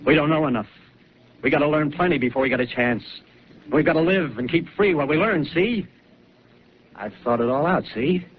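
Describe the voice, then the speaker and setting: A man with a somewhat high voice plays a scheming, rough soldier in a 1930s live radio play, delivered over a thin broadcast with hiss. He speaks briskly but leaves long pauses, acting it only lightly as his character spills out feverish, rambling slang of the working class.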